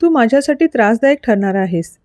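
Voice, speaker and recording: A woman reading a gruff, irritable young man. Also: a little high, animated, fairly quick, a little mellow, no room sound, studio quality, close to an everyday voice. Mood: grumbling. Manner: muttered, irritated remarks. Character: gruff young man, short-tempered but softening.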